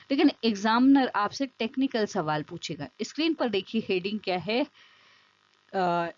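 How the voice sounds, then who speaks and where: A woman's voice: fairly high pitch, no room sound. Woman teaching an exam-prep lesson. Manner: explains step by step, repeats key terms, frequent "theek hai" checks. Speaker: special education teacher. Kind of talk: online exam-prep lecture over slides. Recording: dull lo-fi dry recording.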